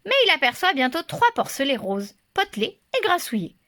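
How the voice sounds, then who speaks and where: A woman reading a children's story aloud in a lively, expressive way. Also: high-pitched, fairly quick.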